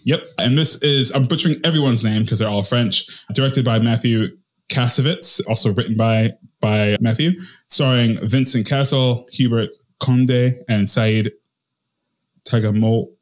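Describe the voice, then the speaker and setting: A man co-hosting a casual film podcast, telling stories in an animated way. He swears freely, and his voice leaps high at each punchline before dropping back to a mid-pitched everyday tone. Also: a little slow. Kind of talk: casual chat.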